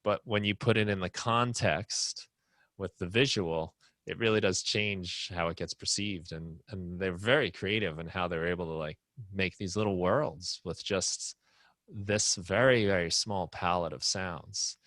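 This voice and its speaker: A man's voice: low-pitched, measured pace, fairly bright tone, no room sound. A man hosting a live online music production class, explaining casually with many fillers and restarts.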